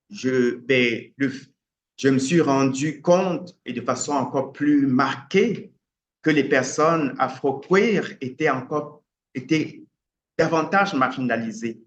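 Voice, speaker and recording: A man from Cameroon tells his story as an interview guest, picking his words with pauses and restarts. His voice sits at a middle pitch. The recording is dull and lo-fi, with a faint hum of room ambience behind it. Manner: hesitant, many pauses and restarts. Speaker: guest writer and activist. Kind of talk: interview answers, reflective storytelling.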